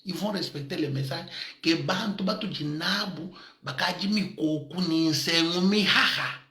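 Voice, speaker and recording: Lively preacher guy, bright forceful voice, echoey church sound. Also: fairly high pitch, normal speed. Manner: lively, mixes in Lingala and Tshiluba words, laughs often. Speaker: pastor. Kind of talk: animated sermon. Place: church in Madrid.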